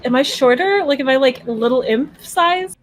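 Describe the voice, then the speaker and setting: A woman's voice: sits high, lively intonation, normal speed, crowd noise. A young woman chatting casually as a player in an online tabletop roleplaying game. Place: room at home, on a group video call. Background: music.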